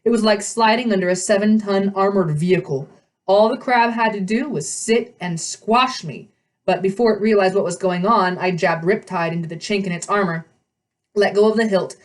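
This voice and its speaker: Lady reading a chapter book out loud, lively, trips over words and fixes them. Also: fairly low pitch. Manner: animated reading, frequent slips and self-corrections. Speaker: read-aloud host. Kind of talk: reading a novel aloud.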